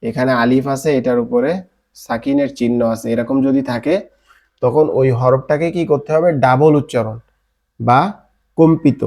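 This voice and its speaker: A man's voice: mid-range voice, fairly even intonation, moderate pace, darkish tone. A man from Bangladesh teaching an online Quran recitation class in Bengali-accented speech, drilling letter sounds and answering his own questions.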